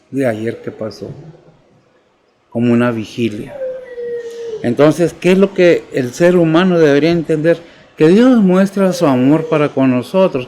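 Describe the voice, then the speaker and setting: A man's voice: medium pitch, darkish tone. A male pastor, preaching and posing questions to the congregation. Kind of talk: sermon.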